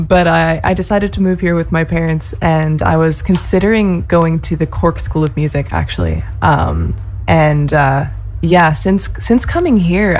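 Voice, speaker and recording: A young woman songwriter, raised in Scotland and the US, answering interview questions in a soft, thoughtful way with frequent ums. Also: low-pitched, slight background noise. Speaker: guest songwriter. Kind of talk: casual interview.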